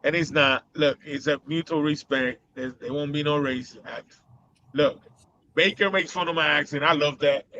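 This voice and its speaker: A man's voice: a little high, steady tone, moderate pace, sharp tone, dull audio, slight background noise. A man with a Boston accent hosting a casual live show, rambling with many fillers and laughing often. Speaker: host.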